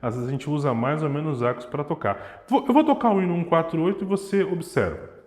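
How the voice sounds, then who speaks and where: A man teaches violin in an echoey room with long reverb, violin playing in the background. His voice is fairly high, expressive, brisk and darkish, and he sings and vocalizes rhythms to illustrate his explanations in this music lesson.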